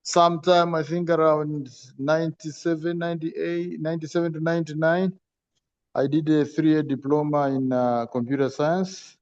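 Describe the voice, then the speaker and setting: Man in his fifties, formal and measured, halting uhs, muffled dry call line. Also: a little high, flat delivery, a little mellow, clear, resonant tone, dry recording. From Zambia. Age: 50s. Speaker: student introducing himself. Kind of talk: online class introduction. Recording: muffled, dull call audio.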